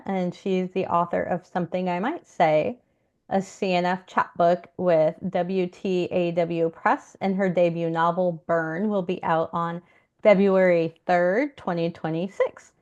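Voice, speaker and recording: A woman's voice: on the low side, steady tone, slow, darkish tone, muffled recording. A woman host introducing the next reader at a book launch, giving brief, friendly introductions. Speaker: event host.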